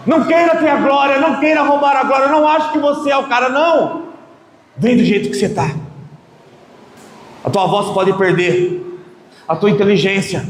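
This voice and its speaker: A middle-aged man from Brazil, a lay preacher telling stories in a sermon at a prayer group, dramatic and swinging between loud bursts and soft asides. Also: sits high. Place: prayer group meeting hall. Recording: echoey hall with long reverb, faint room noise.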